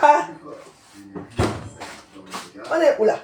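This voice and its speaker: A woman's voice: very slow, darkish tone. A woman from Cameroon, ranting on a live video and confronting people by name, repeating herself as she goes. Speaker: social media commentator. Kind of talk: heated live-video rant. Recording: roomy echo.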